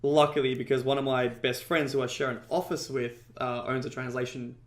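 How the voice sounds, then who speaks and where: A man's voice: medium pitch, little pitch movement, a little fast, echoey room. Rambling man telling business stories. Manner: rambling, heavy "like" fillers, frequent swearing. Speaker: podcast guest, ecommerce entrepreneur. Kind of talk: casual storytelling interview.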